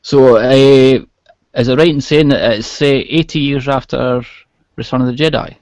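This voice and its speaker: A man's voice: medium pitch, steady tone, normal speed, darkish tone, no echo. A man chatting casually about movies. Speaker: chat guest.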